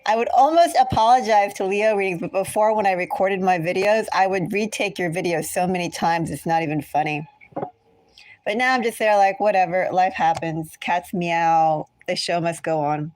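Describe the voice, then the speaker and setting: Hosting a tarot reading livestream, an American-accented woman rambles casually as she chats with viewers. She speaks at a moderate pace in a fairly low, darkish voice, and a little hiss or hum is audible.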